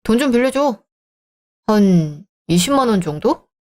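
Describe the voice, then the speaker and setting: A woman's voice: on the high side, expressive, unhurried, darkish tone. A woman voicing a selfish, dismissive young married man in a radio drama, talking scornfully. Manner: scornful, bickering. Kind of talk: Korean radio drama acting.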